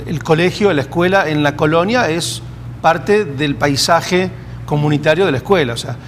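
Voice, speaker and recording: A man whose first language is Hebrew, speaking as a community-building expert, thoughtful and pausing with fillers. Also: on the high side, slight background noise. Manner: thoughtful, hesitant fillers, practical examples. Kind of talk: reflective interview answers.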